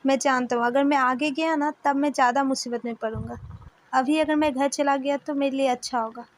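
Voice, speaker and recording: A woman voicing a frightened, stubborn young man in a storybook dub, loud and insistent. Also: high-pitched, steady tone, a little fast, slight background noise, natural voice.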